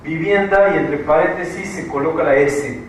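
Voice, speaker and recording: A man's voice: fairly high pitch, normal speed, a little hiss or hum. A man with an Argentine Spanish accent teaching a writing class. He explains step by step, repeats his points and keeps checking that students follow. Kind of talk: classroom lecture. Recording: far-off echoey classroom recording.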